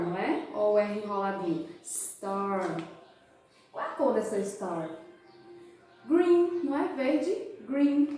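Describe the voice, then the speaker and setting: A woman teacher with a Brazilian Portuguese accent giving a children's English lesson, asking and answering her own questions and stretching out English words slowly. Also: medium pitch, warm tone. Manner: slow, exaggerated pronunciation of English words. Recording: echoey room, far from the mic.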